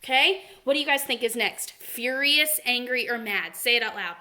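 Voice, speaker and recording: A young woman teaching second graders a word lesson, animated and sing-song, gasping with excitement as she talks to the children. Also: fairly high pitch, normal speed. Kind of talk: remote read-aloud lesson for young children.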